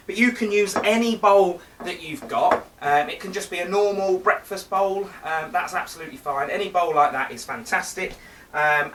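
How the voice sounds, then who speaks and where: A man's voice: high-pitched, pushed and bright, roomy sound, distant mic, a little hiss or hum. A man presenting a live cooking demonstration for children. He chats playfully, talks straight to the boys and girls watching, and teases a companion on stage. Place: theatre stage.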